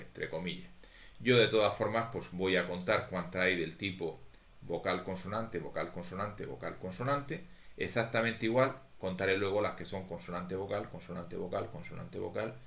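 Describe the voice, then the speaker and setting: A very low-voiced man talks through a statistics exercise at an unhurried, methodical pace. His voice bounces around an echoey room. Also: fairly bright tone. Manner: methodical, thinks aloud, talks to students. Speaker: statistics teacher. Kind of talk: recorded lecture walking through exercises.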